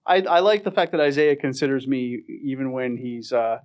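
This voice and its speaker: A man's voice: medium pitch, animated, normal speed. Middle-aged guy on a chatty podcast, dry jokes about himself, easygoing mid voice. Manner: wry, self-mocking joker. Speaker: podcast co-host. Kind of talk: casual chat.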